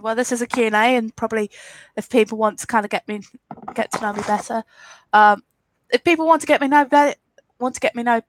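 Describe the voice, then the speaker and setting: On the high side and free of room sound, this woman's voice carries an Essex accent and the sniffles of a cold. In her twenties and from England, she hosts a YouTube live Q&A, chatting and rambling as she reads comments. She responds frankly and pushes back defiantly at trolls.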